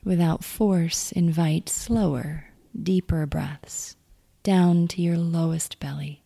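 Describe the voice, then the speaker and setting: A woman leading a calm guided grounding exercise, giving gentle, soothing instructions in a soft, near-whispered delivery. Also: on the low side, takes it slowly, creaky. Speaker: meditation guide.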